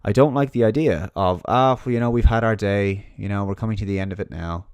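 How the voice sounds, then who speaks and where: A man's voice: fairly low pitch, a little fast, darkish tone, smooth, no echo, clean studio sound. A man giving a monologue commentary, reading out an article and mocking his opponents in sarcastic put-on voices.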